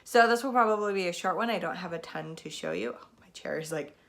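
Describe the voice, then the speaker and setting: Recorded on her camera's mic while seated in a spinning chair at home, this podcast host in her thirties chats about knitting in a loose, rambling way full of ums. She has a cold and a stuffy nose. Her voice sits on the low side, fairly bright, quick and lively in intonation.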